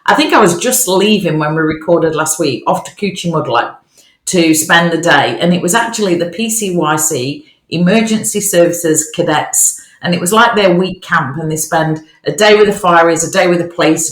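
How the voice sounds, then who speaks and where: With a low voice at a normal pace, this Australian podcast co-host keeps the chat cheerful, upbeat and casual. The recording was made in a newly set-up, bare office, so the room sounds echoey.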